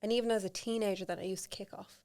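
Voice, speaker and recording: Frank Irish woman with a smooth voice. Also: mid-range voice, steady tone, racing, a little mellow. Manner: candid, frank storytelling with casual swearing; chatty, lots of fillers like "like". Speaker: podcast guest. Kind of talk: casual conversation.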